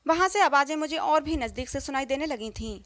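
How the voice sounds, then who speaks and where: High-voiced woman storyteller. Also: brisk, fairly bright tone, no room sound. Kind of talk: first-person scripted story narration.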